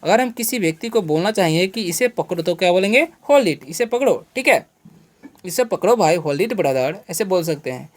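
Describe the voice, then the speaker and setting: A man's voice: sits high, expressive. Male teacher-host, beginner English lesson: patient and repetitive, spells words out, asks and answers his own questions, keeps checking "okay". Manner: asks rhetorical questions and then answers them; fills pauses with a checking "okay".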